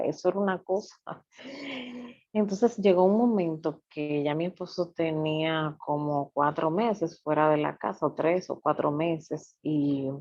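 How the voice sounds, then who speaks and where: A woman with a deep, low voice gives a personal faith testimony in a candid, confessional manner, often repeating herself for emphasis. The recording is dry and a little muffled. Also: darkish tone, no echo. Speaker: church member giving testimony.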